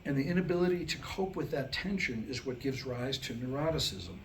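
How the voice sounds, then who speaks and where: At a live staged reading for a small crowd, an American man delivers a comedic monologue he wrote himself. His medium-pitched voice is expressive and fairly bright, his humor wry and self-deprecating with purposeful pauses near the punchlines, all captured in a noisy room.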